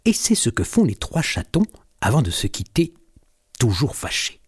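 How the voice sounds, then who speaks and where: A storyteller reading a children's story aloud with slow, expressive delivery. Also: medium pitch, husky, dry recording, studio quality.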